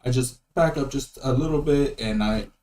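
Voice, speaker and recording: A man in a tabletop game talks haltingly, filling his pauses as he goes. He sounds set back from the microphone, with a faint hiss behind him. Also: mid-range voice, a little mellow, echoey room. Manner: hesitant, many fillers. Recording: distant mic with faint hiss.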